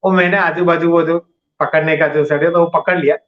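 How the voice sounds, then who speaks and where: Guy telling his story, animated and vivid, fairly high voice, dull lo-fi audio. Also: brisk, reverberant. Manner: vivid, animated retelling, acting out his own thoughts. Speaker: devotee telling a personal story. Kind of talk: conversational storytelling.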